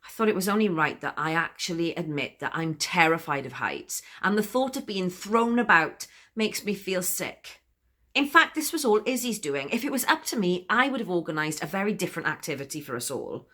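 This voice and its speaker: A woman's voice: lowish voice, lively intonation, brisk, sharp tone. An actress playing a chatty, giggly woman who confides her story in a comic spoken monologue and laughs often between sentences. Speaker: monologue performer.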